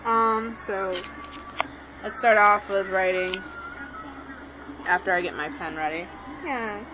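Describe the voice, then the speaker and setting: Speaking slowly at a medium pitch, a young tutor of Mexican background rambles uncertainly through a casual lesson while she writes, hesitating and correcting herself. She's a language tutorial maker, captured on a muffled home mic in a room with a TV playing. The lo-fi recording includes background noise.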